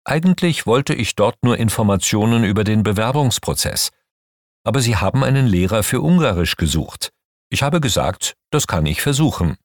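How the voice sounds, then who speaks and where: A middle-aged Romanian man who teaches language and speaks Hungarian natively reads a first-person account slowly and clearly for learning audio. His voice is fairly low with lively intonation, captured as a dry, clean studio recording.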